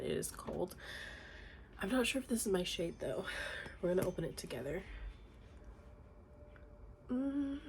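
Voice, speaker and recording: At home indoors, a young beauty vlogger chats through a makeup tutorial with a congested, nasal voice from a cold. Her fairly low voice carries vocal fry, and she's relaxed and chatty with lots of fillers, over slight background noise.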